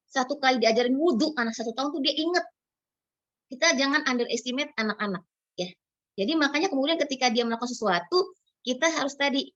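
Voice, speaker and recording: A woman's voice: sits high, fairly bright tone, no room sound. A woman psychologist explaining child development in an online talk, acting out parents and children in little quoted lines. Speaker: psychologist speaker. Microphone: video call. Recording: dull lo-fi video call audio.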